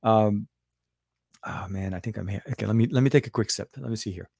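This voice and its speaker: A man's voice: lowish voice, brisk, vocal fry, warm tone, breathy edge. A middle-aged man hosting a casual tech livestream, rambling and rephrasing as he chats with viewers, his voice slightly coarse and worn from a night out. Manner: rambling, repeats and rephrases words. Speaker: tech reviewer and livestream host.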